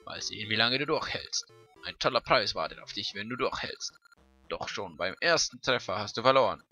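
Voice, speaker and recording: A man's voice: lowish voice, normal speed, faint music behind. A man reading out a perky rock-creature shopkeeper. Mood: cheerful. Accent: Swiss German. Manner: reads game text aloud in a lively voice. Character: cheerful male rock-creature shopkeeper in a game.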